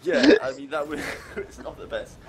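A young man streaming a game, chatting casually and reacting with animated, joking remarks. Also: a little high, normal speed, a crowd in the background. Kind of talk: casual chat while gaming. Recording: game music playing behind the voice.

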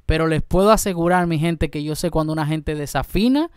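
Young male reaction host, eager, exclamatory, smooth clean voice, dry close sound. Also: a little high, a little fast, dry recording. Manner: excitable, exclaims and addresses viewers as "mi gente". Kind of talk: casual reaction commentary.

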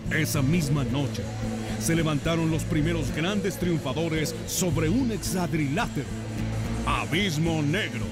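Highish Mexican male promo announcer over loud music. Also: unhurried.

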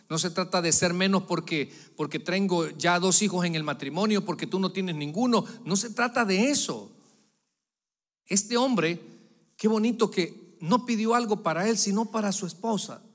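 A man preaching in a church, his somewhat high voice ringing out in the long echo of the sanctuary. He builds to loud, emphatic declarations, then drops to quiet, chatty asides to the congregation. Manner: emphatic preaching, swelling loud on key phrases and dropping low for asides. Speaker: pastor. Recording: long reverb of a church hall.

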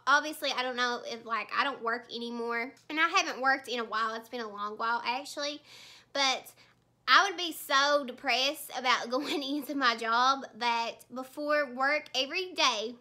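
High, bright-voiced chatty woman vlogger. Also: moderate pace. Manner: chatty and heartfelt, many fillers and restarts. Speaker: beauty vlogger. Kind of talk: casual chat while doing makeup.

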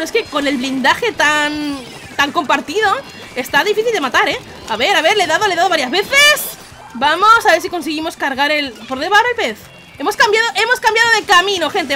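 Young woman, Spain Spanish accent, very high lively voice, gaming commentary, excitable, laughs a lot. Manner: excitable, laughs often, shouts warnings. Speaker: gaming YouTuber. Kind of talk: live gameplay commentary.

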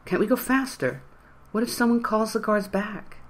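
A storyteller voicing a nervous young woman who talks hushed and under her breath. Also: medium pitch, expressive, moderate pace, pitched above the performer's own voice, lightly acted. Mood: anxious. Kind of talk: audiobook character voice.

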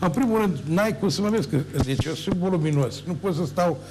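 A man's voice: high voice, animated, background noise. An older man, a former mayor, ranting emphatically on his own TV show, repeating words for force. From Romania. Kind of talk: heated televised monologue.

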